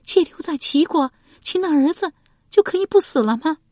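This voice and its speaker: A woman's voice: high-pitched, expressive, moderate pace, darkish tone, no echo, studio quality, pitched above the performer's own voice. A woman reading an audiobook voices a distressed noblewoman, a widowed lord's wife, pleading tearfully and anxiously. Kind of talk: audiobook character voice.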